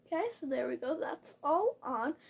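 High-voiced woman chatting through a casual tutorial. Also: lively intonation, moderate pace, gravelly, darkish tone. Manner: chatty, informal, step-by-step narration while doing makeup. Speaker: host of a makeup tutorial show. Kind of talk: casual spoken makeup tutorial. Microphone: built-in device mic rather than usual microphone. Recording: plain laptop-style mic, no studio microphone.

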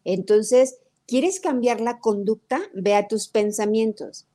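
A middle-aged woman with a Mexican Spanish accent, speaking in a fairly high voice. She talks in a lively, conversational way and acts out quoted lines as she tells her stories. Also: takes it slowly. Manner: animated storytelling, acts out quotes of her daughter. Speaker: guest nutrition speaker. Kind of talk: conversational talk interview.

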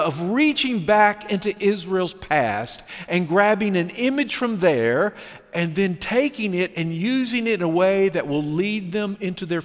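A man preaching a sermon as pastor, alternating emphatic points with slow, weighty scripture reading. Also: high-pitched. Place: church sanctuary. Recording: long reverb of a church sanctuary.

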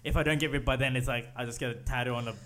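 A man's voice: medium pitch, fairly even intonation, rapid-fire, a bit bright. Casual rambling young man. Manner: loose, rambling, exclaims often. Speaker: podcast co-host. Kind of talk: casual chat.

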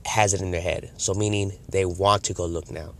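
Deep and steady yet fairly bright, the voice belongs to a man with a congested, slightly nasal cold. At a moderate pace, he coaches on sales in a casual talk to camera, acting out the salesperson's and the customer's parts.

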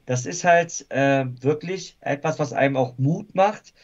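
A man's voice: a little high, unhurried, dull audio. A man talking football casually as a guest fan, thoughtful and hesitant with frequent fillers.

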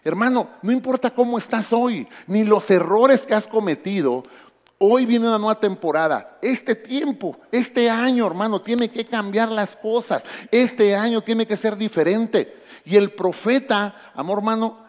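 A man's voice: high voice, unhurried, big-room sound. A man preaching a sermon as pastor, addressing the congregation directly and often calling out to them. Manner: animated preaching, calls out to congregation. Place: church.

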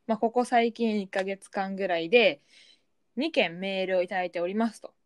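A woman's voice: medium pitch, fairly quick, no echo. A woman with a Kansai accent co-hosting a podcast, chatting casually and reading out listener mail. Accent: Kansai Japanese. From Kansai, Japan. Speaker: podcast co-host.

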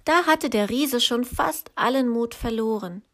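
Slow, calm woman reading a storybook. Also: fairly high pitch. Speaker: teacher. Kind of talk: reading a children's story aloud.

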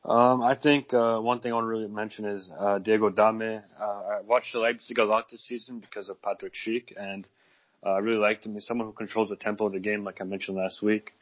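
Low monotone guy on a footy podcast, muffled lo-fi sound. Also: a little fast. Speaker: podcast co-host. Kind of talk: casual chat.

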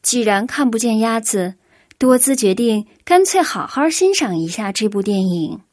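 A woman storyteller reading a children's storybook aloud in a gentle, unhurried way. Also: a little high, expressive, no echo, studio quality.

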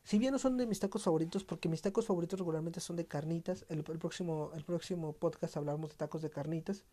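Man, central Mexican accent, podcast host; mellow voice, casual profane monologue with mock-dramatic flair. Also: on the high side, quick pace. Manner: slangy, profane, playfully dramatic.

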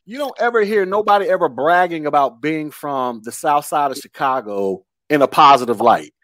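A man in his forties talks in a relaxed, storytelling way on a casual podcast, laughing easily and circling back over his words. His pitch sits a little high and the sound is dry and close. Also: moderate pace, no echo. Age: 40s.

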